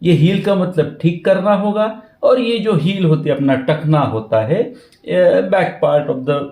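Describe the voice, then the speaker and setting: A man's voice: fairly high pitch, animated, slow pace, a little mellow, roomy sound. A man teaching an English grammar lesson in Hindi, often repeating key words and checking in with the listener.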